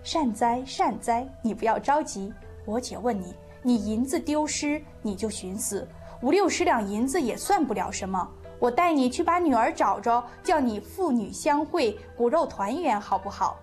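A woman storyteller voicing a merry, teasing eccentric male monk who mocks people and sings slow folk ditties. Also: fairly high pitch, expressive, darkish tone, soft background music, natural voice. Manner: playful, mocking, sings a slow folk ditty.

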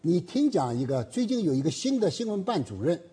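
A man's voice: sits high, big pitch swings, brisk, mellow, husky. A man hosting a commentary show, leading the talk with questions and rebuttals. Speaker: host. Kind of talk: political commentary chat.

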